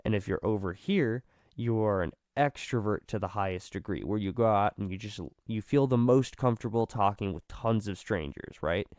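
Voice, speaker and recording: Man with vocal fry, low clear voice. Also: normal speed, darkish tone, no room sound, clean studio sound. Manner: rambling, self-correcting, self-deprecating. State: just recovered from being sick. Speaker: explainer. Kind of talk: casual, informal explanation at a drawn diagram.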